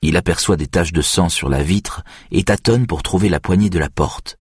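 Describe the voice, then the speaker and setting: A man reading a thriller audiobook in a measured, steady way. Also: sits low, husky, no echo, studio quality. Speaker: audiobook narrator. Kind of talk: scripted narration of a thriller.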